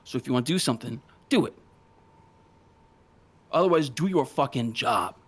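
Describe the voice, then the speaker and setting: A man's voice: mid-range voice, lively intonation, normal speed, slightly rough. A man cutting a confrontational wrestling promo, taunting and swearing. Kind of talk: in-ring promo argument.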